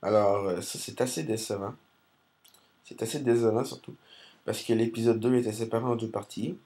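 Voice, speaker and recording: A man's voice: on the low side, fairly even intonation, moderate pace, mellow. A man with a Québécois accent giving rambling, hesitant commentary over recorded gameplay. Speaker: gaming commentator.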